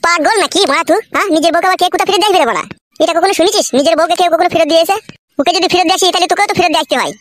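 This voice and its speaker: A woman's voice: very high voice, rapid-fire, voice pushed down. A woman voicing a foul-mouthed, defiant young village husband in a comedy cartoon. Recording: noisy recording.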